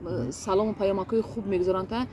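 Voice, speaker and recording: A woman speaks in a casual interview, earnest and warm-hearted in her words but halting, circling back with fillers and restarts as she searches for phrasing. Her pitch sits mid-range for a woman. A faint hiss of background noise runs under the recording. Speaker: interview guest.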